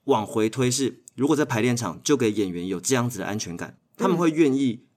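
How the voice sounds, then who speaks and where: A man's voice: medium pitch, lively intonation, brisk, darkish tone. A man with a Taiwanese Mandarin accent, talking casually as a theatre performer and guest. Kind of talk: casual conversational chat.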